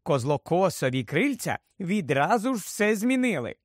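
A man's voice: sits high, very animated, normal speed, no echo, studio quality. A man voicing a dreamy, odd teenage witch girl, speaking airily and matter-of-factly.

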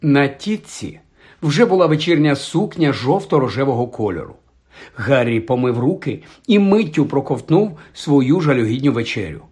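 A man reading an audiobook as narrator, with expressive, steady storytelling. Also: medium pitch, normal speed. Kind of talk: scripted narration.

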